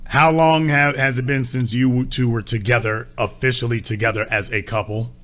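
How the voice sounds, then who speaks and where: Hosting a show where callers phone in for relationship advice, this man lectures one of them in a blunt, crude, scolding manner. His mid-range voice is steady and a bit bright, delivered at a moderate pace.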